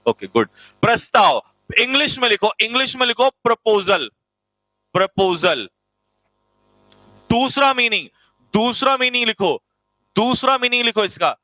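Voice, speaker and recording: A man's voice: very high voice, big pitch swings, measured pace, long pauses, bright, forceful tone, no room sound, rough recording. Teasing man teaching vocabulary in class. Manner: teasing, jokey, calls students beta and bhai; repeats meanings for students to write down. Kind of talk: classroom vocabulary lesson in Hindi. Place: classroom with students present.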